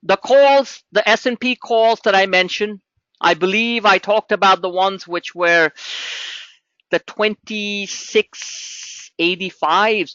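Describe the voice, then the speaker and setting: A middle-aged man hosting a trading webinar, talking in an animated, pushy salesman patter as he walks through charts. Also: sits high, clear, resonant tone, no echo, highs cut off. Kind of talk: live trading webinar talk.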